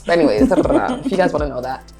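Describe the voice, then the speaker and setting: A young woman from Pennsylvania chats as a talk show guest in a slightly low voice. She fills her talk with "um"s and "you know"s and laughs easily. Faint music plays behind her. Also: big pitch swings, quick pace. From Pennsylvania, United States. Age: young adult. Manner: chatty, laughs often, fillers like um and you know. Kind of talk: casual interview chat.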